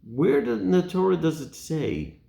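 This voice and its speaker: A man with a warm, gravelly, sing-song voice teaches the weekly Torah portion to camera at a slightly slow pace. He speaks earnestly, poses rhetorical questions, and drops his voice low on key words. The room is echoey.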